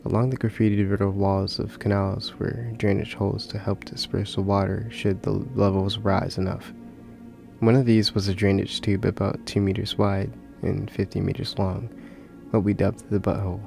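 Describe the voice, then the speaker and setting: A man's voice: on the low side, little pitch movement, moderate pace, vocal fry, a little mellow, soft background music. A man hosting and narrating scripted horror stories, recorded in a closet with a slightly muffled home sound. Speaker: horror story narrator and host.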